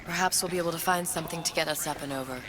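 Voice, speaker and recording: An actress playing a calm, cryptic young woman companion in a video game, speaking quietly and composedly. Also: deep voice, rapid-fire, natural voice. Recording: game audio under loud noise.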